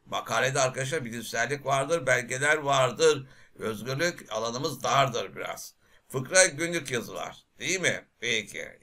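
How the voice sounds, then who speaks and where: A man teaching literature for an exam, reading verses aloud and asking his class lively questions he answers himself. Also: mid-range voice. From Turkey. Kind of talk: exam prep lecture.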